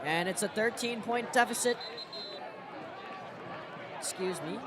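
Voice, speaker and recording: A man calling a high school football game live as the play-by-play commentator. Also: a little slow. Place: outdoor football stadium. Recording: noisy outdoor stadium, loud crowd.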